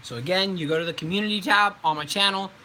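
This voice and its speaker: Quick-paced and loose, a male voice actor fields viewer questions on a casual livestream, dropping ums and likes as he goes. He has a very bright, sharp tone that sits somewhat high for a man. The audio is poor, carrying a little hiss or hum.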